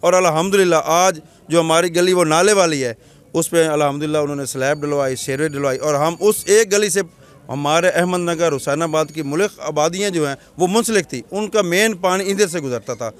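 A middle-aged man with a Punjabi accent speaks into a handheld mic on a crowded street, in a slightly high voice. He is a local councillor giving an earnest, rambling account in a street interview. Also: brisk. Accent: Punjabi-accented Urdu. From Pakistan. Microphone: handheld reporter mic.

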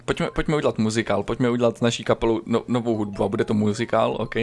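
A man streaming a video game, commenting casually and crudely, swearing often and breaking into sudden high yelps. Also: fairly even intonation, gravelly, a little mellow. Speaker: gaming streamer. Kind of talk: casual let's-play commentary.

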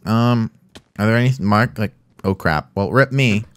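A young man with a low, unhurried, clean voice co-hosts a gaming channel, chatting casually during gameplay. He teases his friend with dry remarks and reacts in a lively way.

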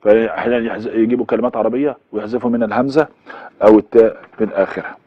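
Fast-talking Egyptian lecturer, lo-fi and dry. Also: male voice, fairly low pitch, fairly even intonation, no room sound. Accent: Egyptian Arabic. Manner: explains by listing examples, then repeats them, with fillers. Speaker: university lecturer. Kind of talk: recorded course lecture.

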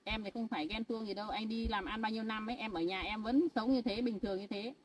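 In an amateur family skit, a woman plays a jealous young wife, sharp-tongued and stubborn, who complains in an insistent, accusing and threatening way. Her slightly high voice has fairly even intonation, a quick pace and a near-everyday quality. The mic is distant.

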